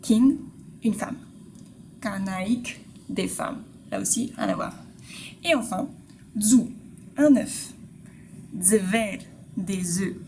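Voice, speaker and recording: A woman's voice: mid-range voice, slow pace, pauses often, darkish tone, a little hiss or hum. A woman teaching a casual video language lesson, patiently repeating example words and talking straight to her viewers. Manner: friendly direct address to viewers.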